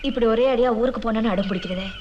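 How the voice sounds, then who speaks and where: An actress playing a calm, moralizing older village woman in a Tamil film, speaking in a steady, lecturing tone with a Tamil accent. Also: on the high side, very fast, dull audio, a little hiss or hum, close to an everyday voice. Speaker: older female relative giving advice. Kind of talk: Tamil film drama acting. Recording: film soundtrack with soft music.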